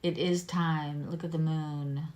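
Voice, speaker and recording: Slow-talking woman with slightly impeded, swollen-tongue speech. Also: low voice, flat delivery, a little mellow. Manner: unhurried, meandering, drifting between card readings and asides. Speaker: live-stream tarot reader. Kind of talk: casual live tarot reading with chat.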